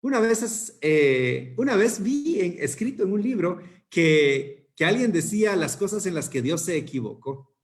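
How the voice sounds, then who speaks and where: Guy preaching to youth, kinda high voice, chatty, keeps asking "right?". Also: sing-song, unhurried. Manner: conversational, with rhetorical questions and restarts. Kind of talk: sermon.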